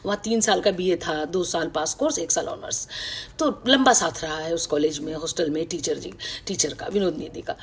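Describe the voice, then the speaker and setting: A middle-aged woman, a writer, recalling her past in a reflective, personal talk on a video call, with many pauses and fillers. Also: on the low side, breathy edge. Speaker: writer speaking to an online audience. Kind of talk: personal reminiscence, casual talk.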